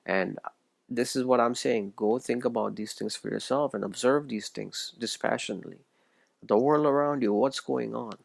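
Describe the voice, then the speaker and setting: A Pakistani video essayist delivers an earnest, preachy solo religious commentary, often stumbling and restarting phrases. His medium-pitched voice has vocal fry and a moderate pace, and the recording is dry.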